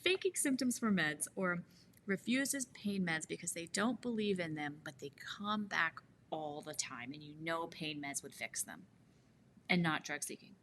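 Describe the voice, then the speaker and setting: A woman with a very low voice reads out questions and chats as a podcast co-host. She answers bluntly and jokes a lot. Faint background noise runs under her voice. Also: lively intonation, normal speed, fairly bright tone. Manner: blunt, joking, asks the questions. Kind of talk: casual chat.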